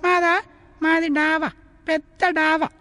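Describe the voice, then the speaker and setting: A man voicing a sassy village schoolgirl in a high falsetto, speaking Telangana Telugu. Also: level tone, measured pace, bright, forceful tone, no echo, clean studio sound, full character voice. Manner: high falsetto girl voice, saucy.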